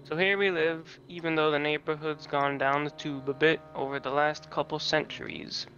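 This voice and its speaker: A wise old talking crow of a game world, as a man reads his lines in a measured storytelling manner. The voice sits a little high and bright, heard through a dull, lo-fi recording. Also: flat delivery, soft background music. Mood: knowing, wry.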